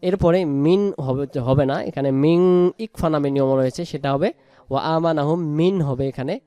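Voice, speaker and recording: Bangladeshi guy teaching quran pronunciation, slow drawn-out words, smooth voice, dry close sound. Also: fairly high pitch, dark tone, no room sound. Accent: Bangladeshi Bengali. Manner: explains, then chants words slowly and drawn out. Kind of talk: slow word-by-word pronunciation lesson.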